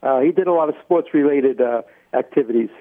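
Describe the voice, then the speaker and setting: A man with a New England accent explains himself as an interview guest, in a halting, deliberate way. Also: medium pitch, narrow, tinny audio. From Massachusetts, United States. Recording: band-limited radio phone-in sound.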